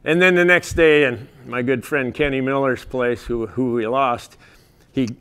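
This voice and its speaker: A man's voice: mid-range voice, steady tone, measured pace, fairly bright tone, smooth. Folksy rancher man telling stories. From North Dakota, USA. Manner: folksy, storytelling, chuckles often. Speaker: rancher and grazing coalition president giving a conference talk. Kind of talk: casual presentation with slides.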